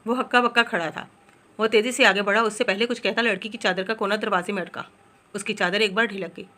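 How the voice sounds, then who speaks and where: A woman's voice: mid-range voice, fairly even intonation, fast, sharp tone. A woman reading a romance novel aloud as an audiobook narrator.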